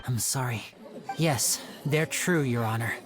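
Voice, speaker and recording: A woman voicing a composed, polite young male stage magician in a video game, speaking in a measured, showmanlike way. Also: a bass voice. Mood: apologetic, subdued. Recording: game music behind voice. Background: game music.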